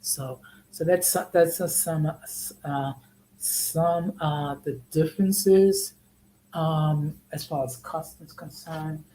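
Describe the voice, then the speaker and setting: A man's voice: a little high, fairly even intonation, slow pace, mellow, slight background noise, rough recording. A man in his sixties from the United States, hosting a casual live-stream talk in a conversational way and often checking in with "okay?". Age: 60s. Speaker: host.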